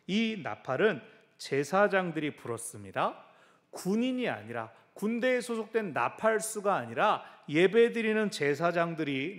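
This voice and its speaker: Lively, high-pitched preaching pastor. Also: male voice. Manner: animated storytelling with sound effects. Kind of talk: sermon. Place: church.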